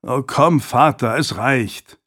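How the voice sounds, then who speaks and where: A man voicing a calm young man who soothes his quarrelling family in an audiobook reading. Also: mid-range voice, moderate pace, close to an everyday voice. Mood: soothing. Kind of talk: audiobook character voice.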